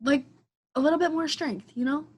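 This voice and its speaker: A woman's voice: sits high, moderate pace, a little mellow. Young woman, casual chat, rambling filler-heavy delivery, dancer.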